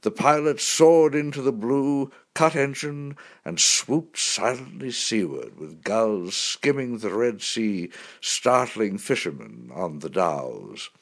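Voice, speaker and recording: A man narrating a first-person memoir in an expressive, vivid storytelling manner. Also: fairly low pitch, takes it slowly, vocal fry, hardly any pauses.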